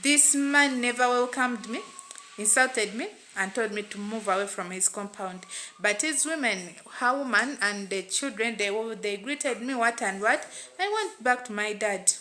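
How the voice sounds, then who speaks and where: A woman's voice: a little high, unhurried, pushed and bright, a little hiss or hum. A woman with a Ugandan accent telling a first-person story in a plain, repetitive way. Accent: Ugandan English. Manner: repetitive, plain retelling with "what and what" fillers.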